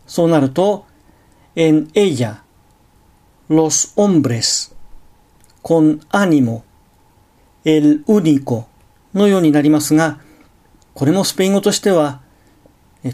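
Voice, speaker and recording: A man giving a scripted language lesson, explaining pronunciation calmly and methodically, with spoken examples. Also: on the high side. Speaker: language teacher.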